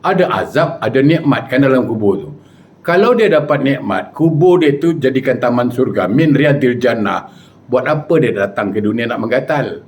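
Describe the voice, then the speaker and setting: A man preaching with animated, jokey storytelling. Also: mid-range voice, moderate pace, slight background noise. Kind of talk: humorous storytelling sermon.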